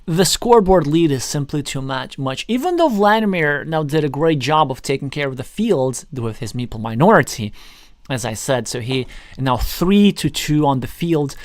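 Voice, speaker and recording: A man's voice: a little high, animated, moderate pace, no echo, studio quality. A man whose first language is Russian, giving live board game commentary in an analytical way, thinking aloud as he goes. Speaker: tournament commentator.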